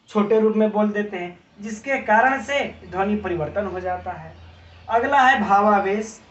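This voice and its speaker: A man teaching an exam-prep lecture, explaining with examples, posing rhetorical questions and often adding a quick "right?" tag. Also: sits high. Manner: frequent tag "है ना". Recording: roomy, distant, dull lo-fi audio.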